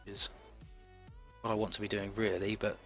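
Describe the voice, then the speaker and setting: A man's voice: on the low side, flat delivery, a little fast, faint music behind. A man live-streaming a game, chatting casually, thinking aloud as he plays and thanking his viewers. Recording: loud background noise.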